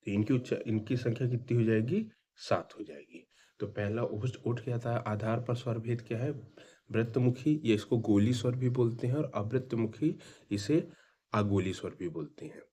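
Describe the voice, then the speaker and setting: A man's voice: medium pitch, mellow, slight background noise. Man giving a step-by-step lesson. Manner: explains step by step, asks and answers own questions; drawn-out vowel demonstrations. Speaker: teacher. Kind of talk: exam-prep classroom lesson.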